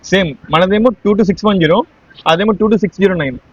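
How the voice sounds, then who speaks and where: A man's voice: fast, dry recording. A man chatting enthusiastically as he vlogs a train journey, recorded on a phone inside the moving carriage. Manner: chatty, enthusiastic, mixes English words into his talk. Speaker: train travel vlogger. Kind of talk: casual on-train vlog narration. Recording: dull lo-fi phone audio with train rumble. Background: train noise.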